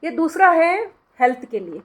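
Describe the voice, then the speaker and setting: A woman's voice: very high voice, very animated, moderate pace. A middle-aged woman hosting a spiritual channel, telling a personal story and giving instructions in a chatty way, often mixing English words into her speech.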